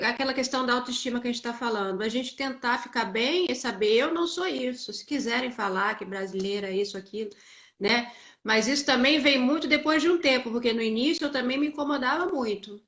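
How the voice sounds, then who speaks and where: A woman's voice: a little high, a little fast, a bit bright. Reflective Brazilian woman guest, echoey room. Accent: Brazilian Portuguese. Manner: reflective, explains at length. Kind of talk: casual live chat.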